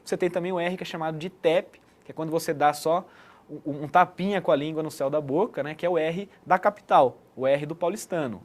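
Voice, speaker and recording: A man teaches an explanatory online lesson in a slightly high, brisk voice. His didactic style keeps checking in with the listener, peppered with frequent "né" tag questions.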